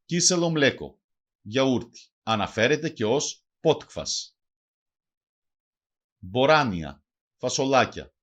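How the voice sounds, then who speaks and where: Reading from a script, a man presents a bilingual lesson, voicing a word and then its translation at a steady, measured teaching pace. His voice sits at a typical middle male pitch but moves up and down in a lively way.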